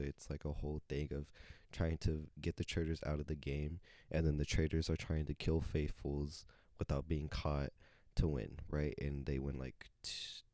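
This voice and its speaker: A man's voice: a bass voice, mellow, no echo, clean studio sound. A man hosting his own podcast, rambling casually with lots of fillers, swearing and self-corrections. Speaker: podcast host. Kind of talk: casual solo podcast chat.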